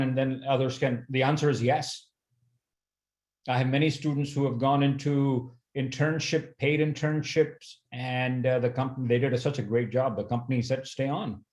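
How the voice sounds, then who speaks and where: A man who teaches supply chain management talks through his slides on a video call, earnest and full of fillers and restarts. His voice sits at a middle pitch, and the room around him rings with a noticeable echo. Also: fairly even intonation, normal speed, a little mellow. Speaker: university supply chain educator. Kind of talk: webinar slide presentation. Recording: roomy echo.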